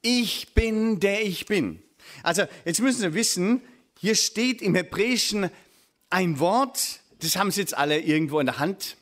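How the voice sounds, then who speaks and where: A man's voice: on the high side, fairly bright tone. German-speaking man preaching a sermon. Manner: reads scripture slowly, then explains conversationally to the congregation.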